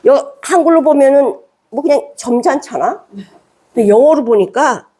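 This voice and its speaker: A woman's voice: high-pitched, animated, normal speed, warm tone. A woman pastor preaching a sermon in a conversational way, reading scripture and then explaining it with rhetorical questions. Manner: reads scripture aloud, then explains it in plain speech.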